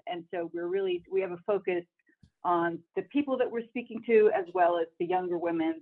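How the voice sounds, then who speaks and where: A woman co-hosting a podcast interview, asking questions in a conversational, rambling way. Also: medium pitch. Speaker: podcast co-host. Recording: phone-like line.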